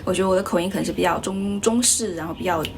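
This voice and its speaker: Talking very fast in a lowish voice, a young Chinese woman teaches English on a livestream and casually fields viewers' questions. Originally from Guizhou province, she has a Chinese accent with a hint of American and fills her easygoing chatter with "um" and "you know," against slight background noise.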